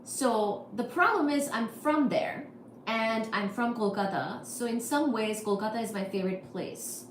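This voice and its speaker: An Indian woman hosts a casual livestream, replying to chat comments with wry asides. Her voice is a little high and her pace measured, heard in an echoey room with faint noise.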